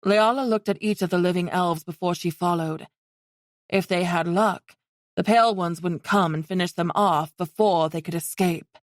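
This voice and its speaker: A woman reading a fantasy romance audiobook in steady scripted narration. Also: fairly low pitch, moderate pace, no room sound, studio quality.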